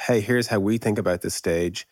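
A podcast guest discussing product principles and process, this man has a fairly low, slightly mellow voice at a moderate pace, recorded dry in studio quality. He explains his thinking casually and informally, thinking aloud with frequent asides.

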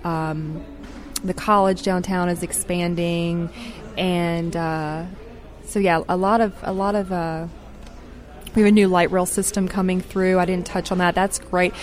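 A woman's voice: on the low side, level tone, measured pace. A woman guest on a radio travel interview, talking enthusiastically with many fillers and restarts. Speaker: tourism representative guest.

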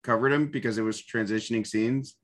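A man's voice: lowish voice, steady tone, fairly quick, fairly bright tone. A man co-hosting a casual film podcast, dropping short, dry, contrarian remarks. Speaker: podcast co-host. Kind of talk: casual movie review chat.

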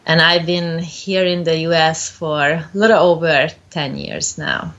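A woman of around forty from Hungary, with a Hungarian accent, answering as an interview guest in a gentle, thoughtful way with pauses. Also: low-pitched, animated, lo-fi sound. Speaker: guest spiritual medium.

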